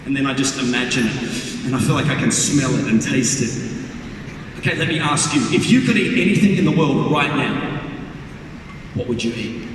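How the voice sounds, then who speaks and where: A man preaching live to a big crowd in a booming, motivational way, playful and often shouting to work up the audience. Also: normal speed, pauses often. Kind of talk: animated live sermon to a large crowd. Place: large live event venue with crowd. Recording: echoey arena PA, distant, noisy crowd.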